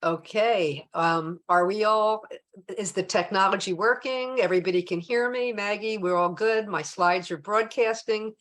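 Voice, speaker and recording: A woman in her sixties, the guest speaker, opening her presentation over a video call in a relaxed, chatty way. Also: mid-range voice, moderate pace.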